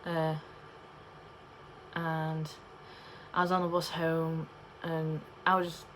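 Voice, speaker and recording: Young woman, slightly low pitch, chatty rambling vlogger delivery, some background noise. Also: monotone, slow, fairly bright tone, rough recording. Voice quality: cannot pronounce P in the middle of words. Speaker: pregnancy vlogger. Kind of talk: casual chat to camera.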